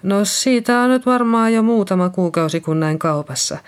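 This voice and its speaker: A reader voicing Liisa, a nervous middle-aged nurse who found a body and speaks in a hesitant, shaky way. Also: female voice, mid-range voice, animated, clean tone, voice pushed up, natural voice. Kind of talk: audiobook reading.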